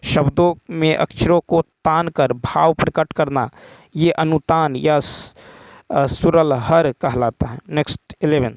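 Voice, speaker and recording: Gravelly male teacher. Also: fairly high pitch, slow pace, no echo. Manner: steady explaining, often adds a checking "okay". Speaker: exam-prep teacher. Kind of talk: explaining exam questions.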